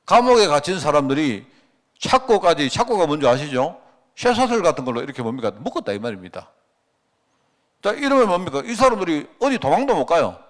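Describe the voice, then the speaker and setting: A man's voice: a little high, sing-song, a little fast, a bit bright. A middle-aged male pastor giving a conversational sermon at a prayer meeting, asking the congregation rhetorical questions and telling anecdotes. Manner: acts out quoted dialogue.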